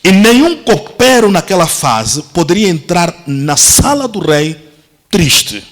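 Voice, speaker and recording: A male pastor, telling a Bible story as a dramatic Pentecostal sermon, acting out voices and shouting at the peaks. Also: sits high, very animated, takes it slowly, rough recording. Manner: theatrical, acts out the story's voices, shouts at climaxes.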